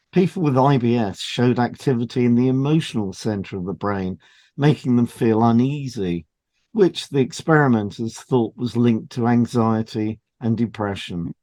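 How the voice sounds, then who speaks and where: For an educational podcast, a male co-host delivers prepared lines in a calm, explanatory manner. The voice is mid-pitched, mellow and easygoing.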